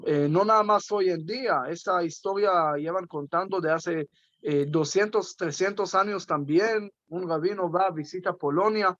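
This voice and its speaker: A man, a rabbi, giving a spoken teaching talk in a measured way, pausing often and asking rhetorical questions. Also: high voice, fairly bright tone, no room sound, muffled recording.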